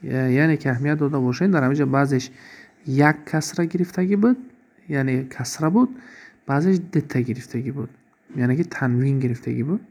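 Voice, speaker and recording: A man teaching an Arabic grammar lesson, reading example sentences slowly and then asking and answering his own questions. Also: mid-range voice, a little mellow.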